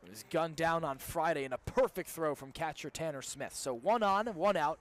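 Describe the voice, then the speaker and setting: A young adult man calls live baseball play-by-play on the radio as the game's announcer, speaking fairly quickly in a fairly high, animated voice. The live broadcast comes from the ballpark during the game, with clearly audible background noise.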